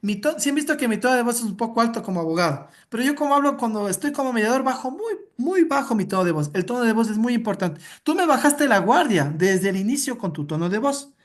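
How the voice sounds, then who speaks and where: A woman's voice: a little high, sing-song, fast, hardly any pauses. A woman instructor leading an interactive online lesson over a video call, direct and coaching.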